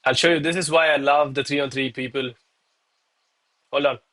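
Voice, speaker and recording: A man's voice: mid-range voice, fairly even intonation, normal speed, pushed and bright. A man livestreaming casual commentary to his chat as a trading streamer, with an informal, bro-heavy gym-bro way of talking. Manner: bro-heavy, hyped gym-bro style talk; informal, addresses viewers as bro, man, guys.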